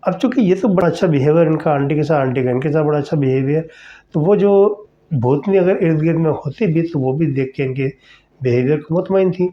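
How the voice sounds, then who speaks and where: A man hosting a podcast, telling a horror story in a chatty, conversational way and speaking directly to the listener. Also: a little high. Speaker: storyteller host. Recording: slightly dull lo-fi recording.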